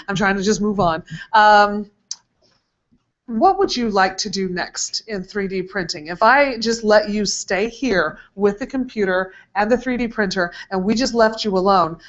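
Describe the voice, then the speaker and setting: A woman teacher questioning a student in front of a group, teasing yet encouraging, with frequent fillers. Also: medium pitch. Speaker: camp teacher. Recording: dull lo-fi recording.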